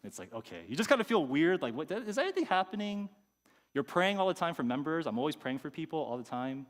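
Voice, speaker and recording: A pastor giving a conversational sermon, sometimes acting out people's inner thoughts. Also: male voice, on the high side, expressive, fast, big-room sound. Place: church sanctuary.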